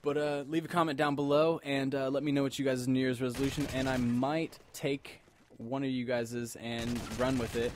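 A middle-pitched man gives casual gameplay commentary while tipsy from drink. He rambles and circles back over the same phrases. There is faint noise and ambience behind his voice. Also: little pitch movement, normal speed. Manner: rambling, repeats himself. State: tipsy from alcohol. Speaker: gamer commentator.

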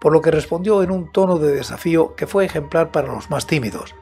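An older man, an audiobook narrator who hosts a horror story show, reads a scripted horror tale close to a studio mic while wearing monitoring headphones. His voice is a bit high for a man, gravelly and somewhat mellow, and he delivers it slowly and deliberately. Music plays underneath.

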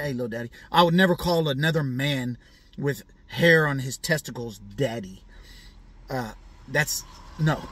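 A man's voice: a little high, fairly bright tone, slightly rough. A man hosting a show, rambling through casual commentary with lots of fillers and slang, always checking in with "right?". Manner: asks the listener for agreement again and again. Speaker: show host. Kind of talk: casual commentary on celebrity news.

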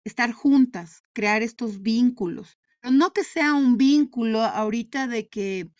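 A woman's voice: a little high, measured pace, dry recording, dull audio. A woman speaking as a guest on a choppy, breaking-up video call connection, talking earnestly and emphatically and often restarting her words. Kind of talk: earnest conversational talk.

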